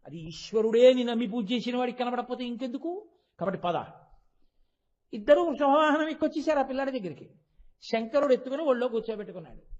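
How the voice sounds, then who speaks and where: A man delivers a devotional discourse in a very high, ringing voice, telling a sacred story with emphatic rises and falls. He briefly voices the characters as he goes. The audio is dull and lo-fi. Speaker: religious discourse speaker.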